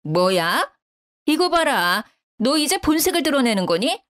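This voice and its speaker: A woman's voice: sits high, big pitch swings, unhurried, fairly bright tone, voice pushed up, exaggerated voice. A woman voicing a domineering middle-aged mother-in-law who scolds in a raised, condescending tone. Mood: scolding.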